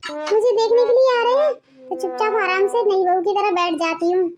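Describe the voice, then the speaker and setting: A woman's voice: very high voice, normal speed, a crowd in the background. A woman voicing a sweet young bride in a cartoon story who talks with a childish lisp. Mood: innocent. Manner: lisping, innocent.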